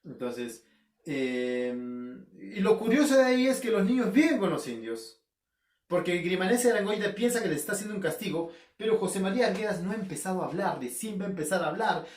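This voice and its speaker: A man teaching a literature class in a casual, animated way, asking questions and answering them himself. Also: high voice. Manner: animated, asks and answers his own questions. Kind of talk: casual remote class lecture. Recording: echoey room, voice somewhat far from mic.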